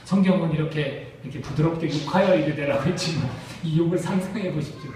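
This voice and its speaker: A man's voice: on the high side, quick pace, a little mellow, a little hiss or hum. A Korean man preaching a sermon to his congregation, emphatic and full of rhetorical questions. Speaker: pastor. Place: church sanctuary. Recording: echoey church hall, distant mic.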